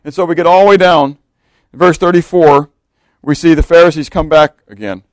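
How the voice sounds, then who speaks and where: A man delivering a verse-by-verse sermon in a chatty, conversational way, checking in with his listeners as he goes. His voice sits fairly high for a man and often sinks to a hushed, intent murmur for emphasis. The sound is dry and close. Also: fairly even intonation, a little fast, no echo. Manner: conversational, keeps checking in with "okay?" and "right?". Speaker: pastor. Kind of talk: expository sermon.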